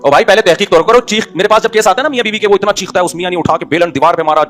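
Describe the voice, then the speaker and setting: Fast-talking middle-aged preacher guy, kinda high voice, wry jokes and questions to the crowd. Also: a bit bright, faint music behind. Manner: anecdotal, with rhetorical questions to the audience; wry, joking asides. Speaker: Islamic scholar and preacher. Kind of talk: conversational sermon.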